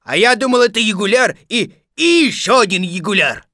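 A woman voicing a simple, good-natured male toy bear who talks slowly and earnestly, a little proud of what he knows. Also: mid-range voice, expressive, pushed and bright, no echo, clean studio sound. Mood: relieved.

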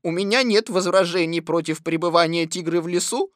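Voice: medium pitch, no room sound, clean studio sound, lightly acted. A reader voicing a gloomy, grumbling old male donkey in an audiobook. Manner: slow, glum, long-winded. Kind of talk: audiobook reading.

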